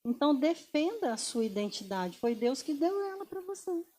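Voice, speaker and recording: A Brazilian woman giving a lively motivational talk to an audience, firing off rhetorical questions and acting out quoted voices. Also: high-pitched, normal speed. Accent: Brazilian Portuguese. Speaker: speaker.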